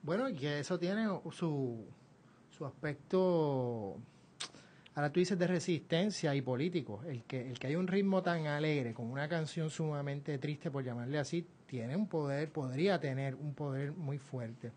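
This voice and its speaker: A man's voice: a little high, measured pace, a little mellow, a little hiss or hum. Male radio host, Puerto Rican Caribbean Spanish accent. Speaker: radio show host interviewer. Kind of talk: conversational radio interview.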